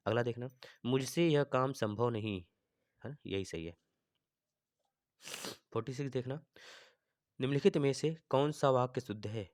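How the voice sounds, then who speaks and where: A male teacher with a north Indian accent, recorded close with a dry sound, works through grammar questions. His voice sits at an ordinary middle pitch. He repeats each sentence slowly and keeps asking his viewers what they think. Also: a little mellow, dry recording. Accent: Hindi-speaking north Indian. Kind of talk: exam-prep grammar lesson.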